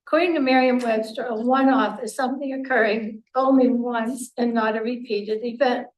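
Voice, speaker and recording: A hoarse woman, a longtime resident, reading indignant, pointed remarks at a township board meeting. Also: fairly high pitch, fairly even intonation, moderate pace, poor audio. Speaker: longtime resident speaking at public comment.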